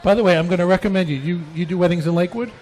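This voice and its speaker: Higher-voiced man bantering at a street parade. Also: racing, darkish tone. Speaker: parade co-commentator. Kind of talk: casual live banter. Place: outdoors at a city street parade. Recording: music and crowd behind, outdoor broadcast.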